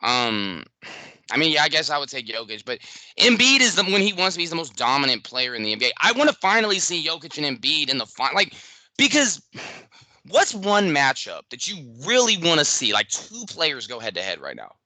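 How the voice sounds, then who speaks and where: A man's voice: a little high, very animated, a little fast, sharp tone, no echo. A man co-hosting a podcast, talking sports in a loose, profane way that trails off and restarts. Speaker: podcast co-host. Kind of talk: casual sports chat.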